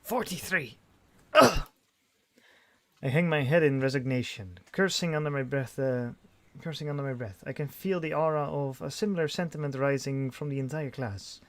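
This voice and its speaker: A man's voice: medium pitch, brisk, hardly any pauses. A man reading a visual novel aloud in first person, with dry delivery and frequent restarts. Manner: dry narration with restarts and sighs.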